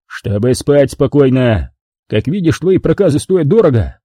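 A man voicing a gruff, grumbling older colonel who talks bluntly. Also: mid-range voice, sing-song, normal speed, mellow, no echo, clean studio sound, voice pushed up.

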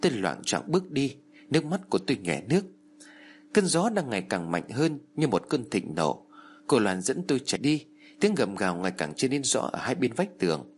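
Male storyteller, husky, very lively pitch, dramatic horror narration. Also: normal speed. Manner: acts out the characters' shouts and pleas with raised pitch.

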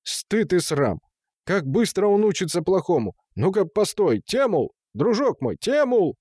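Reading an audiobook, a man voices an irate middle-aged husband, pitching himself above his natural voice into a high, expressive register as he scolds and blusters indignantly. The delivery moves at normal speed with a darkish tone, recorded clean in a studio with no room sound.

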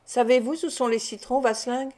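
A desperate young sailor speaks with raw intensity, as a woman reads him aloud. The voice is fairly high and warm. It is a plain audiobook rendering. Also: fairly even intonation, moderate pace, natural voice. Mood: accusing. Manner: pleading, then threatening with force. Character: desperate young sailor pleading for his dying father. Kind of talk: audiobook reading.

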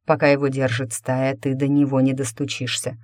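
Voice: mid-range voice, level tone, moderate pace, a little mellow, dry recording, clean studio sound, natural voice. A reader voicing a grim male werewolf warrior who speaks gloomily and bluntly.

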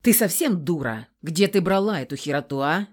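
A woman voicing a rough, domineering man in his thirties who swears and sneers with contempt. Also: deep voice, animated, normal speed, darkish tone. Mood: contemptuous.

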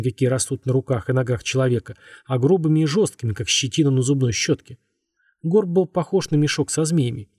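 Man narrating horror in a dark husky voice. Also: medium pitch, no echo, clean studio sound. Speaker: audiobook narrator.

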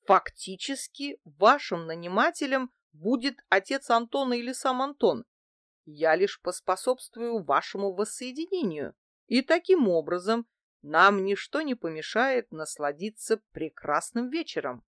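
A woman reading an audiobook, voicing a smug, flirtatious married man who runs a travel agency, in a brisk, evasive manner. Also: medium pitch, sing-song, fairly bright tone, dry recording, studio quality. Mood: flirting.

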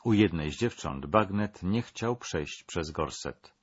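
A man voicing a male soldier recounting grim testimony in a flat, matter-of-fact way. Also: sits low, takes it slowly, breathy edge, lo-fi sound, exaggerated voice.

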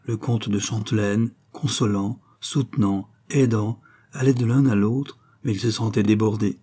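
A man narrating a historical novel in a measured, expressive reading. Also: fairly low pitch, slightly rough. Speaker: audiobook narrator. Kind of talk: scripted narration.

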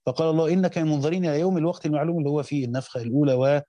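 A teacher of Quranic exegesis with an Egyptian accent reads passages from a classical commentary, then explains them in colloquial speech, often breaking off and restarting mid-phrase. His voice is on the high side, warm and steady, and very fast, in a dry recording with the highs cut off.

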